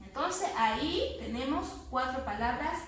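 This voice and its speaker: A woman's voice: sits high, lively intonation, a bit bright, distant mic. Patient woman teacher in an echoey room. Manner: patient, slow and explanatory, repeating words syllable by syllable. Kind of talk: spanish grammar lesson to students. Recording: very echoey room, voice off-mic with faint noise.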